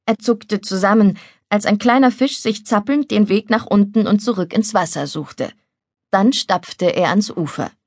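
A woman reading a novel as audiobook narrator in a calm, measured way. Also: mid-range voice, dry recording. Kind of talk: scripted narration. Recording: dry studio recording.

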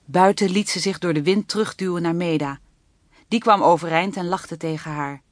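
Low-voiced woman narrating a children's book. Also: moderate pace, no echo. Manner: even, clear storytelling. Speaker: audiobook narrator.

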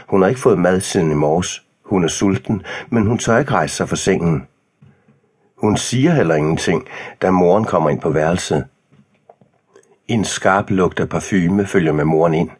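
A man narrating an audiobook in a measured, calm way. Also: sits low, breathy edge.

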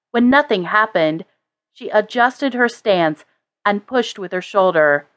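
A woman narrating an audiobook in a measured, storytelling manner. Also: mid-range voice, fairly bright tone. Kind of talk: scripted narration.

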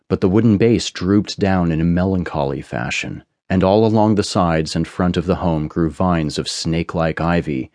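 A man narrating a suspense audiobook in a measured, storytelling manner on a close studio mic. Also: deep voice, darkish tone, no echo. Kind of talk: scripted narration.

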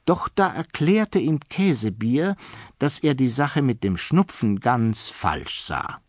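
Man, children's audiobook narrator, slow and unhurried, very animated pitch, dry studio sound. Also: no room sound. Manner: lively, playful, slow deliberate reading.

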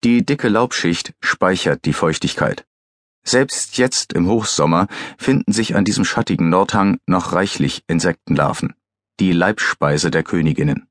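A man reading an audiobook as narrator, calm and measured, on a close studio mic. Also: sits low, dry recording.

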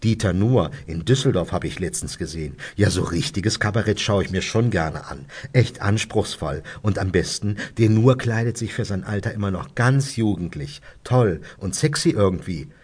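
A man's voice: on the low side, animated, moderate pace, few pauses, a little mellow, husky. A man voicing a reproachful, self-important mother who gushes about cabaret. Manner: reproachful, gushing.

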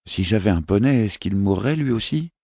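A worried little boy prince, as a male audiobook narrator puts him on, asking soft, pleading questions. His voice is lifted well above the narrator's own low register. The room around him is dry and close. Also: expressive, moderate pace, slightly rough, no room sound. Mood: anxious. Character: young boy prince, anxious and earnest.

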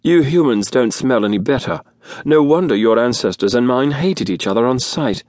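A man's voice: medium pitch, expressive, moderate pace, darkish tone, dry recording, clean studio sound, natural voice. A man voicing a huge, furred male alien who talks in a sly, needling way. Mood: scornful.

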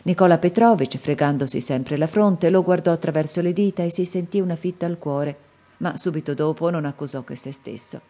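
A woman narrating a classic novel in a measured, even reading. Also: low-pitched. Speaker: audiobook narrator. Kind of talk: scripted literary narration.

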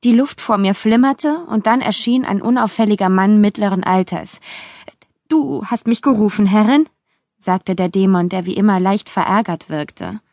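Lady audiobook narrator, lively first-person reading, super dry booth sound. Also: medium pitch, normal speed, few pauses, dry recording. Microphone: studio microphone.

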